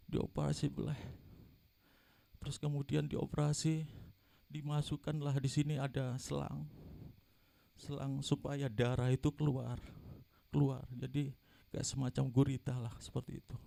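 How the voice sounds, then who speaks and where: A man's voice: mid-range voice, completely flat delivery, moderate pace, gravelly, long pauses, dark tone, no echo. A middle-aged man giving an earnest spoken testimony at a church service, telling his story and acting out the dialogue he remembers.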